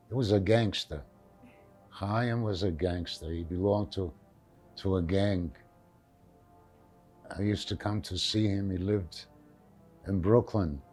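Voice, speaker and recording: A man's voice: low-pitched, a little mellow. An elderly man with a Yiddish accent reminisces in an interview in plain, short, often repeated phrases, dropping in Yiddish words. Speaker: Holocaust survivor giving testimony.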